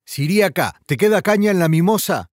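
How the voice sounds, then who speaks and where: A gruff army sergeant barks his orders, high-pitched and loud, his voice leaping up and down with every command, as a man reads him out. It is a dry, close recording with no room around it. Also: lively intonation, a little fast, no echo. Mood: barking orders. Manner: shouting orders.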